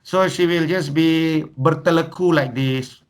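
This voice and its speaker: A man's voice: on the high side, a little slow. A man with a Malaysian English accent presenting a workshop, telling humorous anecdotes and slipping in Malay phrases. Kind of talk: lively teaching talk.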